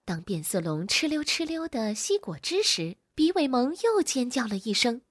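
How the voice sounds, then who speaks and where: Woman reading a kids' story, lively sing-song voice, kinda breathy, close dry mic. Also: a little high, moderate pace, dry recording. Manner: expressive, soft and animated.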